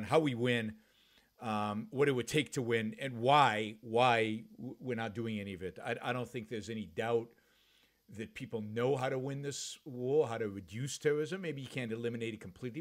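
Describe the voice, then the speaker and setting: A man's voice: mid-range voice, fairly quick. A man in his fifties from Israel, hosting a solo talk-radio show from a home office, talking earnestly with many restarts and fillers into a studio mic. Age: 50s. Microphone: studio mic with pop filter, headphones.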